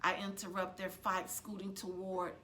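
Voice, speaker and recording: With a mid-range voice and slight background noise, a woman reads a children's novel aloud like a librarian. Her storytelling is dramatic and expressive, and her phrasing deliberate.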